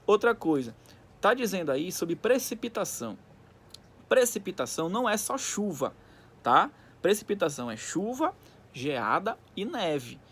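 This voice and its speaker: Higher-voiced man dictating a lesson. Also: big pitch swings, moderate pace, fairly bright tone, husky. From Brazil. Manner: didactic, dictating textbook lines in segments with frequent check-in tags. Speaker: school geography teacher. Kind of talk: recorded lesson, reading from a textbook and explaining.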